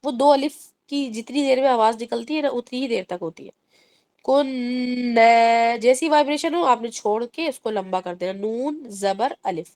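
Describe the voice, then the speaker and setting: A woman's voice: a little high, darkish tone, no room sound. Woman teaching Quran recitation. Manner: explains in Urdu mixed with English, slow drawn-out Arabic recitation. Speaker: tajweed teacher. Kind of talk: online Quran recitation lesson.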